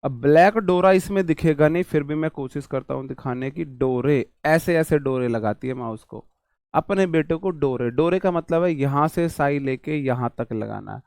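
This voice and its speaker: A man's voice: on the high side, moderate pace, vocal fry, darkish tone, no room sound, studio quality. Chatty male vocabulary teacher. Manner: chatty, jokey, answers imagined student questions. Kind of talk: online exam-prep lesson.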